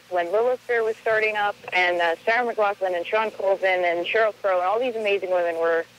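A woman's voice: mid-range voice, a little hiss or hum. A young woman from Long Island, a musician calling in to a radio show, chatty and self-mocking with many ums over a phone line. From Long Island, New York. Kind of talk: casual phone interview.

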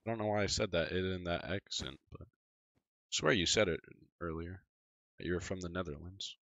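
A man streaming a game live, chatting casually with viewers and reacting excitably to the action. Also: low-pitched, normal speed, vocal fry, dry recording, lo-fi sound. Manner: excitable, chatty, talking to chat while playing.

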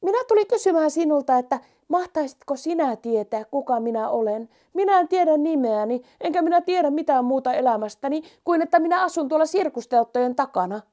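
A woman voicing a tiny, lost young mouse who asks eager, high questions. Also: animated, few pauses, warm tone. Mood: curious.

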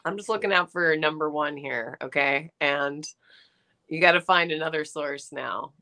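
A woman's voice: sits low, normal speed, pushed and bright. A woman chatting on a podcast, teasing and scolding her co-host jokingly. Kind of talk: casual podcast chat.

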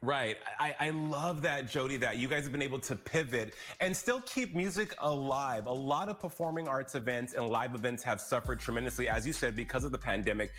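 A man's voice: mid-range voice, a little fast, few pauses, a bit bright. A young man hosting a TV interview over a video call from his living room, enthusiastic and drawing out words for emphasis. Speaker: TV host. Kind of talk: upbeat TV interview.

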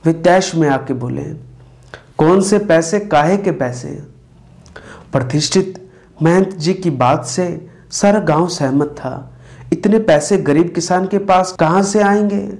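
A man narrating a devotional moral story, speaking slowly and deliberately and briefly acting out the characters' lines. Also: a little high, darkish tone. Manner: slow, deliberate storytelling with brief acted quotes. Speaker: spiritual storyteller.

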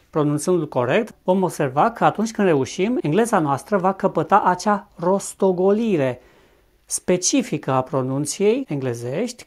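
An English teacher from Romania delivers a scripted video lesson, speaking slowly and deliberately and repeating example words with careful pronunciation. Her voice is mid-range and a little mellow.

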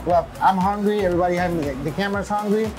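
Energetic male show host. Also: high-pitched, very fast, low-quality recording. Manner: casual and energetic, with short affirmations. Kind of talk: upbeat show hosting. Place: small restaurant kitchen indoors. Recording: background music.

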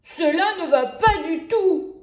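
Storybook wolf, male, big and fussy, loud dramatic complaints; woman narrator doing the voice; slow delivery. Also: very high-pitched, expressive, reverberant, voice pushed up, full character voice. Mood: indignant. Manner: loud exclaiming, theatrical complaints.

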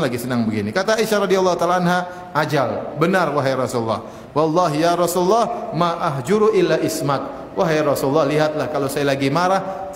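A man's voice: a little high, slight background noise. A male preacher giving a joking, storytelling sermon to an audience, quoting Arabic lines. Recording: echoey hall.

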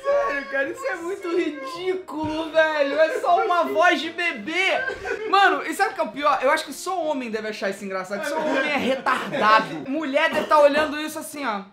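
A young man with a Brazilian accent, hosting with excitable, casual banter among friends. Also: very high-pitched, a little fast. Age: young adult. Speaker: host. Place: bedroom, indoors. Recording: echoey room with music behind.

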